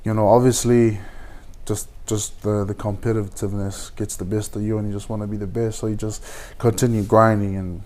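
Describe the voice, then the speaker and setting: A young man from Samoa with a low voice talks casually about his career as a pro boxer. He speaks haltingly, stopping and restarting often and reaching for his words. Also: little pitch movement, a little mellow. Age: 20s. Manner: halting, many fillers and restarts. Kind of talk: casual interview.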